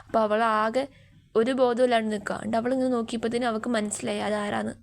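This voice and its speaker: A woman's voice: on the high side, level tone, vocal fry, slight background noise. A young woman chattily retelling a drama's plot for her channel. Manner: chatty, fast retelling with frequent tag words. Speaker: YouTube story explainer. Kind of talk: casual story retelling.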